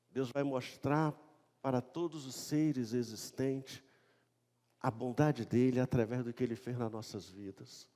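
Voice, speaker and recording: A man with a Brazilian Portuguese accent preaching a sermon as a pastor. He reads scripture loudly, then tells the story in a casual, joking tone. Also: mid-range voice. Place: church sanctuary. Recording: long church reverb.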